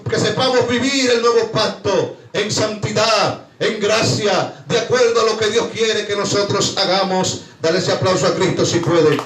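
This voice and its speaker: A man preaching a fervent sermon as pastor, rising to shouts at times. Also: high voice. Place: church hall. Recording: echoey church hall from far off.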